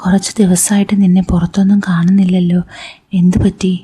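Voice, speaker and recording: A woman's voice: on the low side, flat delivery, brisk, mellow, breathy edge. A woman voicing a crude, teasing young male friend in a whispered role-play, mocking him.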